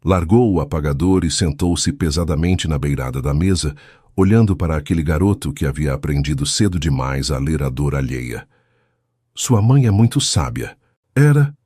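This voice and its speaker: A man's voice: extremely low pitch, moderate pace, dark tone, husky, no room sound, studio quality. A man giving a solemn, scripted narration of a romance story.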